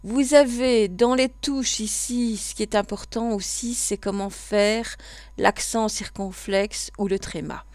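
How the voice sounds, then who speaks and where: Belgian French woman instructor, patient and step-by-step, close dry mic, mid pitch. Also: steady tone, slow, a little mellow, no echo. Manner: patient step-by-step explaining, with frequent fillers. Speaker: computer class instructor. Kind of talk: screen-recorded tutorial.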